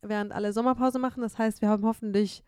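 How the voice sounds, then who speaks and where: Smooth-voiced chatty woman podcaster. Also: on the high side, steady tone, fast talker, a little mellow, dry recording, studio quality. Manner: chatty storytelling with frequent laughs and fillers. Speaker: podcast co-host. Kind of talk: casual chat.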